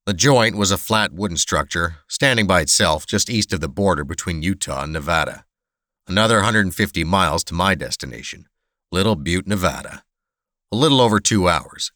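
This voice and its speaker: A man narrating a first-person thriller in a measured, dry, understated way. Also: low-pitched, animated, pushed and bright, no room sound. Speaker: audiobook narrator.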